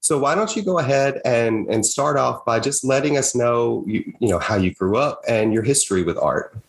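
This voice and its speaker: A man's voice: medium pitch, animated, normal speed. A man hosting an interview podcast, giving upbeat introductions and questions. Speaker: podcast host.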